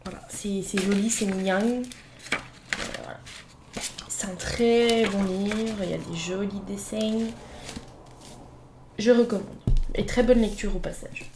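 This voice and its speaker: A mid-pitched woman chats casually about her books to camera. She is playful and full of fillers, with asides to herself. A faint hiss of noise runs under the voice. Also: fairly even intonation, a little slow, pauses often. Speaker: book vlogger. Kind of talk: casual unboxing chat.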